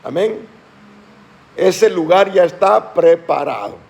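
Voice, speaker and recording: A male pastor preaches to his church in a fairly high voice. He slows and rises when reading scripture and asks his listeners questions. His delivery is earnest and preacherly. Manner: asks the congregation questions and calls them to respond. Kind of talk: sermon.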